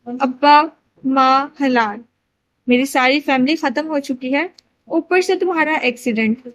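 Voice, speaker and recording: A woman's voice: high-pitched, fairly bright tone. A woman reading as a grieving, pleading young man. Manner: pleading, emotional confession.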